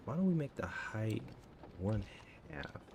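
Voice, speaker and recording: With a fairly low, slightly slow voice, this coding livestreamer in his thirties thinks out loud in muttered, incomplete phrases. The casual stream chat carries steady background noise.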